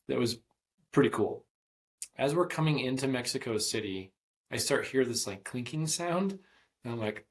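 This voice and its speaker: Chatty man telling a travel story. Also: mid-range voice. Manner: chatty, rambling, lots of "like" and restarts. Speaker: podcast guest. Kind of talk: casual storytelling interview.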